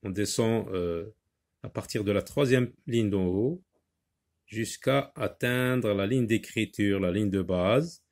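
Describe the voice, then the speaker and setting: A man's voice: lowish voice, takes it slowly, a little mellow. A man teaching a reading and handwriting lesson, patiently talking the class through each step.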